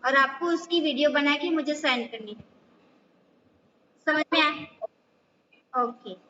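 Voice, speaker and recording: A woman teacher leads a lesson at an unhurried pace, repeating each letter sound patiently for young pupils. Her voice sits high, and the recording is a little muffled with a faint hiss behind it. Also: pushed and bright, big-room sound. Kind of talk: online class lesson.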